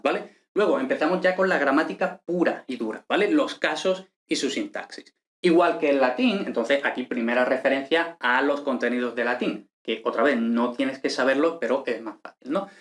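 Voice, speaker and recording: A man teaching an online lesson and explaining each point step by step, often checking in with short tag questions. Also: medium pitch. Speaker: teacher of ancient Greek.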